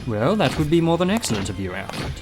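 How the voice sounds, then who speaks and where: A man's voice: fairly high pitch, very animated, quick pace, over music. Man playing the Doctor, breezy and self-assured. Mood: polite, breezy. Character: confident, jovial, quick-witted time-travelling male adventurer. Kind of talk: audio drama acting.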